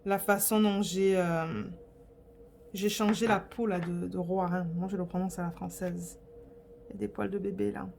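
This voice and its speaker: A woman's voice: fairly low pitch, steady tone, moderate pace, creaky, darkish tone, slight background noise. A young woman vlogging in a casual, rambling way, chatting to her viewers with lots of fillers and restarts. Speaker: diamond painting vlogger. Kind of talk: casual chat to camera.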